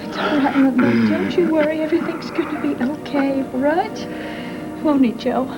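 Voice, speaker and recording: A woman's voice: high voice, normal speed, highs cut off, over loud music, natural voice. An actress playing a flamboyant, doting middle-aged woman in a 1990s soap opera, talking in a theatrical, overwrought way. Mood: relieved.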